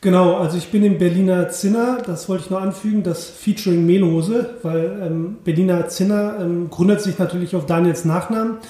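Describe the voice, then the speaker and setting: High-voiced man, mellow, very echoey. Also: fairly even intonation. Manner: unhurried, filler-heavy. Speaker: podcast co-host, journalist and copywriter. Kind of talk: casual conversational interview. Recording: very echoey room.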